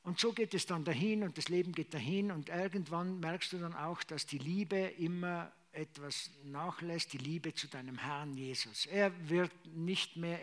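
A middle-aged man preaches in a loose, conversational way, often restarting his sentences. His voice sits high for a man. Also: fairly bright tone. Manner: conversational, frequent fillers and restarts. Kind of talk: sermon testimony.

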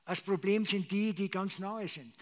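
A man's voice: sits high, a little slow. A middle-aged man giving a conversational sermon testimony, full of fillers and restarts. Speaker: preacher.

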